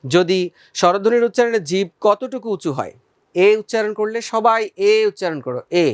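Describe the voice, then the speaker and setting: A man teaching a recorded school lesson, patiently asking questions and then answering them, and sounding out vowels slowly for his students. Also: high-pitched, animated, smooth, dry recording, studio quality. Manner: patient, addresses students as friends, asks and answers own questions.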